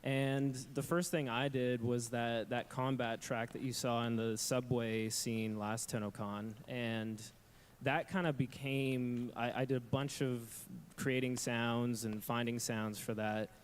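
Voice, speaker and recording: A man's voice: mid-range voice, flat delivery, measured pace, slight background noise. Casual-talking man composer on a panel. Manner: casual, rambling, plain-spoken. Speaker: game music composer. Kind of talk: convention panel talk. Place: live convention stage.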